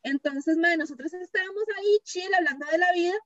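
A young woman with a Costa Rican accent telling a story in a lively, slangy, casual chat. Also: extremely high pitch, a little fast, no room sound. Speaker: co-host. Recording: dull, dry sound.

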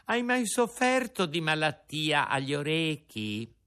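A man's voice: on the high side, big pitch swings, slow pace, pushed and bright, exaggerated voice. A man doing a sugary wooden puppet boy. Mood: wheedling. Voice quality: sugary, fluting. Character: mischievous wooden puppet boy, fluting sweet voice.

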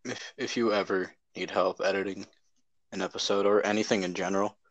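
A man's voice: low voice, fairly even intonation, a little fast, highs cut off, background noise. A teenage boy co-hosting a casual podcast, laid-back and chiming in with short remarks. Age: teens. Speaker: podcast co-host. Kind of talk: casual chat.

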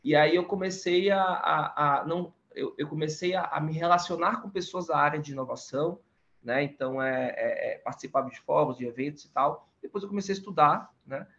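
Male guest, 30s, from Salvador, Brazil; slightly high, hesitant and chatty, dull lo-fi sound. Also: brisk, fairly bright tone. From Salvador, Bahia, Brazil. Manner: hesitant, many fillers and restarts. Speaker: guest, startup competition lead. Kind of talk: casual interview conversation.

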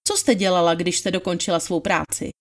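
A woman's voice: lowish voice, steady tone, pitched below the performer's own voice, lightly acted. A woman reading the part of a methodical male attorney questioning a witness, in a formal, probing manner. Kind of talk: dramatized trial testimony reading.

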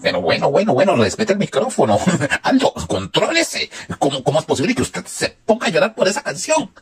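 A man's voice: fairly high pitch, huge pitch swings, fairly quick, breathy edge. A man hosting a comic radio show, stuttering constantly and repeating syllables. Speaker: radio comedy host.

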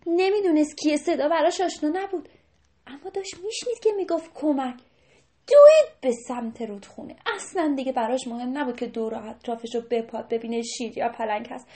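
A woman telling a story to children, her voice high yet soft and mellow. She is animated and often turns to talk to her young listeners directly.

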